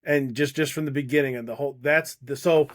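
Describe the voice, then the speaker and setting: A man's voice: mid-range voice, steady tone, fairly quick. A man co-hosting a casual podcast chat, talking in loose, rambling bursts with frequent restarts. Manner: rambling, many restarts, laughs easily. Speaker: podcast co-host.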